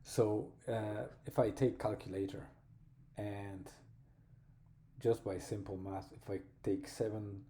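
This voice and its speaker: Speaking reflectively in his personal vlog, a native Polish man with a Polish accent takes his time, thinking carefully and pausing to find words. His voice is fairly low and mellow, with little movement in pitch.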